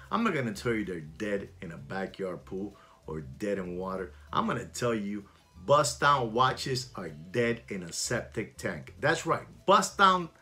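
Talking to camera in a small room at home, this watch-channel host in his sixties has a fairly low voice and a casual, emphatic style, driving his points home through repetition and animated gestures.

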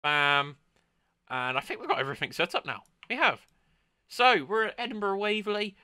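A man's voice: sits high, big pitch swings, moderate pace, sharp tone, clean tone, no echo, clean studio sound. A man streaming a train driving game, chatting casually and upbeat, throwing in sound-effect exclamations while he greets chat. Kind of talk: casual gameplay commentary.

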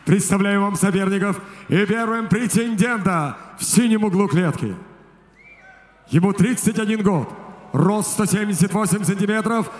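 A man working as a ring announcer, delivering a booming stage introduction for a fight in a large arena. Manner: booming stage introduction with drawn-out shouted names and rapid-fire stats. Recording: echoey arena PA, some background noise.

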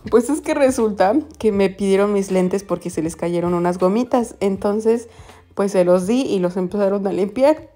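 Soft background music accompanies a mid-range, dark-toned voice at a moderate pace. The speaker, a young vlogger with a Mexican Spanish accent, strolls a quiet town center before ending up in a café, sharing stories full of giggles and exclamations with her viewers.

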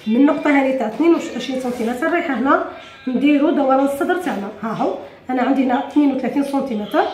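A woman with an Algerian Arabic accent teaching a sewing tutorial, talking quickly to viewers and often correcting herself. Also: sits high, darkish tone, roomy sound. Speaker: sewing instructor. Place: room at a cutting table.

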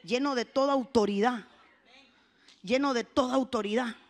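A woman's voice: fairly high pitch, normal speed. A woman pastor preaching a sermon with rising fervor, calling the congregation to repeat after her.

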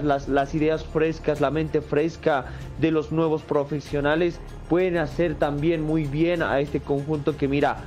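A man giving steady football analysis as a guest over a video call. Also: on the high side. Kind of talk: sports debate talk. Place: indoor room. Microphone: earphones on a video call.

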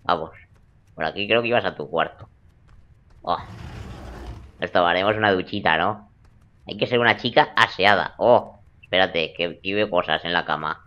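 A man's voice: deep voice, normal speed, pauses often, lo-fi sound. A young man giving joking, crude gameplay commentary in a teasing, playful way. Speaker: let's play gamer.

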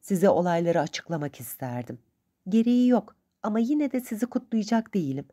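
A woman reading the lines of a spirited, proud young woman, speaking quickly and emphatically in a raised voice. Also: medium pitch, sing-song, mellow, voice pushed up.

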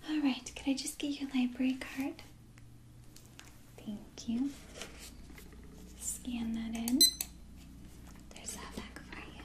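A young woman in a whispered role-play as a polite librarian, speaking in a breathy, hushed library whisper. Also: high-pitched, fairly even intonation, slow pace, long pauses. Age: young adult. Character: polite, helpful female librarian at the checkout desk. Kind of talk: whispered role-play, soft-spoken ASMR. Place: small room indoors at a desk. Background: clicks and handling noises.

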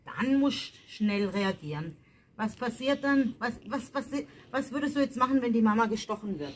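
A woman's voice: fairly high pitch, lively intonation, moderate pace, a little hiss or hum. Chatty mother vlogging in her garden. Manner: chatty, addresses viewers directly. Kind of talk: casual family vlog. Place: garden at night, outdoors.

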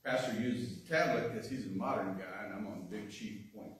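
In a church sanctuary, a lay speaker delivers a folksy, self-deprecating sermon, chuckling often. His voice is lowish at a normal speed, with a little hiss or hum, and the echoey church is recorded from far off.

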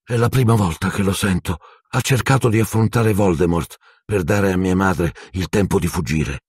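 A man voicing an earnest, shaken teenage boy wizard in an audiobook, pitched well up and urgent. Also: moderate pace, a little mellow, husky, no echo, studio quality. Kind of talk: audiobook character voice.

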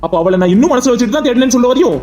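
A man's voice: extremely high pitch, animated, racing, a little mellow. A man voicing a grieving, loyal young man in a cartoon drama, talking in an earnest, pleading way. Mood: defensive. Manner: earnest, pleading, tearful monologue.

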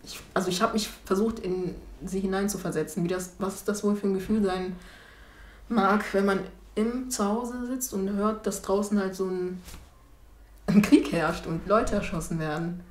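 A German woman in her twenties gives reflective, hesitant documentary testimony, restarting often and using fillers as she recalls things. Her voice is middle-pitched and a little mellow, with fairly even intonation at a normal pace. Filmed in a small indoor room and out on the street, her lapel mic picks up a noticeable roomy echo.

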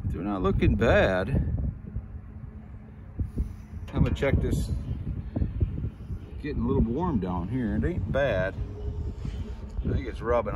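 A middle-aged man running a sawmill, talking casually with dry, sarcastic humor while he works outdoors. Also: medium pitch. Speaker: sawmill operator. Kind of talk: casual narration while working. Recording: loud wind and machinery noise outdoors.

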